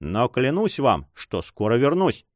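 A man's voice: medium pitch, big pitch swings, measured pace, no room sound, clean studio sound. Man reading as an earnest young lover. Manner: earnest, reassuring, insistent.

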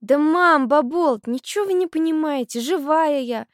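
Brash barefoot village girl, blurting and loud, a woman puts her on; dry close audiobook read. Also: on the high side, normal speed, no room sound, lightly acted. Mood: pleading. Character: feisty barefoot village girl, blunt and excitable. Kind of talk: audiobook character voice.

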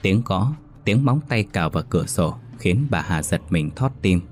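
Deep-voiced man narrating a horror story. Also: animated, normal speed, a little mellow, a little hiss or hum.

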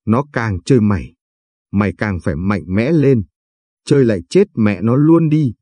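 Guy reading tough foul-mouthed young woman, bossy, low husky voice. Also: animated, normal speed, mellow, no room sound. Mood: scolding. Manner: coarse, threatening, bossy. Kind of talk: audiobook reading.

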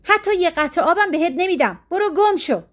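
A woman reading a storybook, voicing an arrogant rich male chief minister who shouts and mocks. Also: very high-pitched, animated, pitched above the performer's own voice. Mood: furious. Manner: shouting, mocking, boastful.

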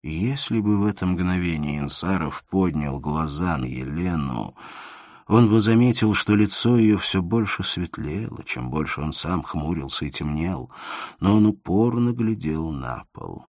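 Deep male narrator, measured expressive literary reading, dry close mic. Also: no echo. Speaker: audiobook narrator.

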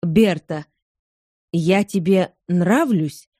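A woman's voice: lowish voice, warm tone, no echo, studio quality. Woman reading as a shy young tenant farmer. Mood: timid. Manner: timid, hesitant, slow.

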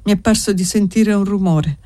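A frightened young foundling woman, as a reader puts her on in a storybook reading. She pleads anxiously, her words unsteady. The voice is mid-pitched and recorded dry and close. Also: normal speed, warm tone, no echo, close to an everyday voice. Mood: pleading.

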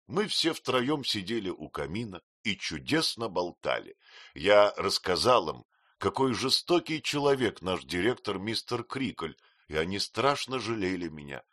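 Low-voiced man reading an audiobook. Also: a little slow, no room sound, clean studio sound. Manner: expressive, animated reading. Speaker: narrator.

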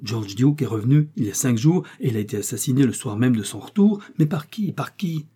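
A man reading an audiobook aloud and voicing a fierce, domineering brigand baronet who barks impatient questions, in a husky, dark voice. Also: mid-range voice, lively intonation, a little fast. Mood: shocked. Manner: harsh, impatient, barking questions.

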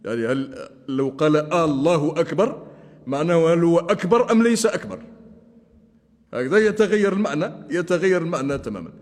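A male Islamic scholar gives a religious lesson, speaking deliberately and slowing down to demonstrate chanted phrases. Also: on the high side, sing-song, darkish tone. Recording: long hall reverb.

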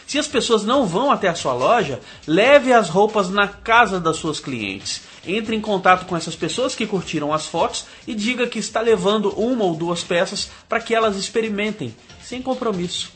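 Lively high-pitched Brazilian radio advice man. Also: moderate pace, hardly any pauses. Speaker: radio sales advice host. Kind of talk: scripted advice segment.

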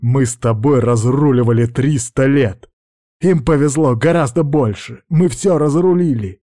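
A man doing a tormented djinn lord in an audiobook, loud and urgent, breaking into desperate, pleading outbursts. The voice stays mellow and dark underneath, recorded close and dry. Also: mid-range voice, a little slow, no room sound, voice pushed up, close to an everyday voice. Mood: heated. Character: anguished, hot-tempered male lord of the djinn.

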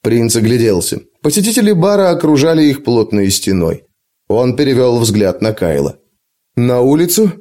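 A man reading an adventure audiobook in a dramatic, expressive narration. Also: mid-range voice, moderate pace. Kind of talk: scripted narration.

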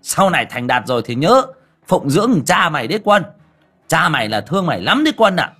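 A man's voice: on the high side, sing-song, a little fast, pushed and bright, husky, soft background music, pitched above the performer's own voice, heavily acted. A man voicing an approving, fatherly older male butcher. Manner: praising, fatherly.

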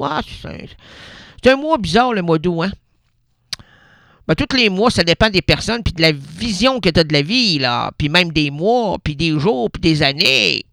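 A man's voice: on the high side, creaky, sharp tone, dry recording, studio quality. A man from Quebec with a Québécois accent hosting a radio show, rambling through absurd wordplay and frequent self-corrections. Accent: Québécois French. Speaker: radio host. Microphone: radio studio microphone.

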